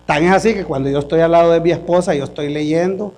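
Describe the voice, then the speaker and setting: A man's voice: fairly high pitch, fast, a little mellow, slight background noise. A male pastor preaching a sermon at a church service into a microphone, often questioning the congregation and calling them brothers.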